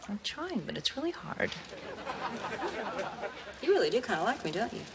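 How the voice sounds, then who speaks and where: A woman playing a brash, flirtatious woman in a 1990s sitcom, delivering sassy, deadpan comebacks. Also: fairly high pitch, normal speed, a crowd in the background. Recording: sitcom recording with audible background noise.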